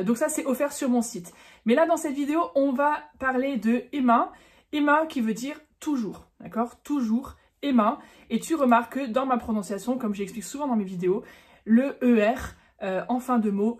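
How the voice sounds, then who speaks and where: A woman's voice: on the high side, darkish tone. A woman giving a casual, chatty online German lesson, correcting herself as she goes and stretching out the example words. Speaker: German teacher.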